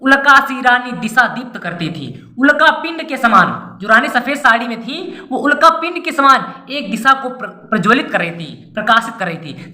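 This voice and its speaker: Woman teacher, high voice, recites verses slowly then explains them, echoey room. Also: bright, forceful tone. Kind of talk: Hindi poetry lesson, reading and explaining verses.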